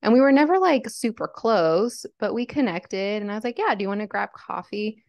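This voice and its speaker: A young adult woman from Lebanon, appearing on a podcast, recounts things frankly and thoughtfully, with plenty of "like" fillers. Her mid-range voice has lively intonation and vocal fry, and she speaks at a moderate pace with no echo.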